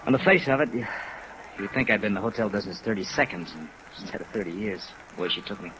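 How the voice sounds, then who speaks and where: Rueful middle-aged hotelier, lowish voice, hesitant, self-mocking, old radio drama, faint rain noise behind. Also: male voice, expressive, fast talker, sharp tone, rough recording. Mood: embarrassed. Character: chagrined, rueful veteran male hotel operator. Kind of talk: 1950s radio drama acting. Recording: vintage radio recording under rain noise.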